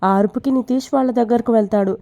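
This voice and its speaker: A woman who tells a romantic story, narrating in a steady, unhurried reading voice. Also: fairly high pitch, vocal fry. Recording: dull lo-fi recording.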